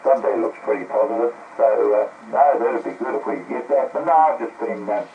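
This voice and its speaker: A man with a New Zealand accent talking easygoingly over a shortwave ham radio contact, halting with many fillers. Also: mid-range voice. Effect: heard over a shortwave radio receiver. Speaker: amateur radio operator. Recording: tinny noisy shortwave radio audio.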